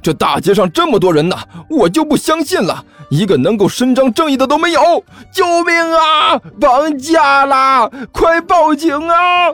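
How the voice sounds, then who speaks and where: A man voicing a cheeky young guy feigning innocence, shrill, indignant, jumps all over. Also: wildly swooping pitch, normal speed, few pauses, no room sound, faint music behind, full character voice. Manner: indignant, protesting loudly.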